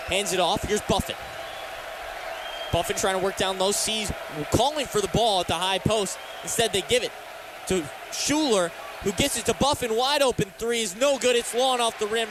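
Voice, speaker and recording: Live from an arena, a young American man delivers radio play-by-play as a sports announcer and reporter. He speaks at a moderate pace in a high-pitched voice, with a crowd and other background noise audible.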